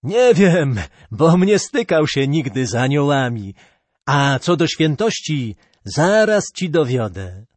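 A man's voice: a little high, sing-song, slow pace, no echo, full character voice. A man voicing a ragged, lame fiddler and former robber who earnestly confesses his past, in a storybook reading. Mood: confessing. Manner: plain-spoken, earnest confession.

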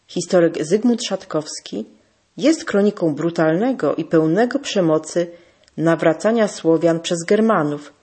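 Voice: medium pitch, dark tone, breathy edge. A host presenting and interviewing in a formal, polite manner. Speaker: radio host. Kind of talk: scripted radio presentation.

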